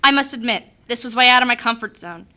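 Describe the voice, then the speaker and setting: Teen girl doing a motivational election speech, really high and bright voice. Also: lively intonation, quick pace. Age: teenager. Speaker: student election candidate. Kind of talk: scripted motivational campaign speech.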